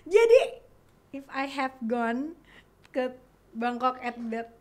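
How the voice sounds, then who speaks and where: A woman's voice: a little high, slow pace. A woman in her thirties chatting casually, telling a personal story with acted-out dialogue and bits of English. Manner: animated, acts out dialogue, mixes in English. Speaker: guest.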